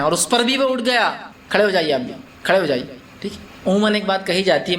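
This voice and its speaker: A man's voice: fairly high pitch, a bit bright. A man preaching to a gathering in a conversational way. He asks his listeners questions and acts out little scenes. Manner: conversational, asks the audience questions, mixes in English words; acts out quotes with laughter. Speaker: Islamic preacher. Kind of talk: religious lecture to a live gathering.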